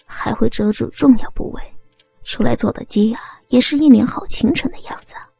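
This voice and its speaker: A coarse, boastful young male thug, as a woman narrator puts him on mocks in a breathy half-whisper. The voice sits high for a man and sounds dry. Faint music plays behind him. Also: fairly quick, darkish tone, dry recording, full character voice. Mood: mocking.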